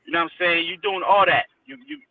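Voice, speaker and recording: Over a tinny, phone-like line with the mic at a distance, a man who left Haiti for Connecticut at six talks casually as an interview guest about his own memories. He speaks fast and expressively in a high register, using slang and repeating phrases to stress them.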